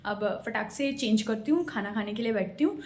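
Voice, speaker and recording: A woman's voice: fairly high pitch, fairly quick. A young woman doctor chatting casually through a daily vlog, mixing English phrases into her talk and often checking in with "theek hai". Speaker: doctor vlogger. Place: home and on the go.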